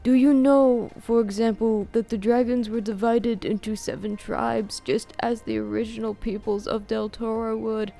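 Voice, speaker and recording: A woman voicing an excitable, frail old male scholar who lectures eagerly, her voice pitched well above her own. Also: moderate pace, vocal fry, hardly any pauses, soft background music. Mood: eager lecturing.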